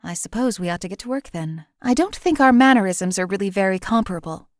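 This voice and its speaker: A woman voices a sardonic former slave turned assassin, delivering game companion lines in a cold, precise manner and cutting others down with dry condescension. Her medium-pitched voice is natural and expressive at a quick pace, recorded close in a completely dry studio with no echo.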